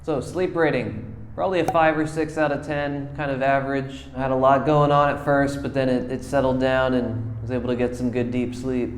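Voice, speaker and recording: A man's voice: mid-range voice, little pitch movement, normal speed, slight background noise, poor audio. A man narrating a casual travel vlog, chatty and informal, talking straight to his viewers. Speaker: travel vlogger.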